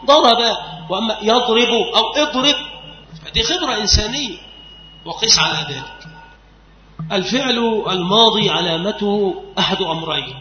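A man's voice: animated, normal speed, long pauses. A man teaching a classical grammar lesson, patiently repeating and drilling example words. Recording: echoey hall, dull low-fi sound.

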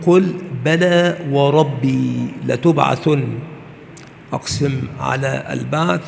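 A man giving a measured, explanatory religious lesson, slowing down to recite verses. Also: fairly high pitch, gravelly. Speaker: religious teacher. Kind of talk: Islamic study lecture. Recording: reverberant hall with faint background noise.

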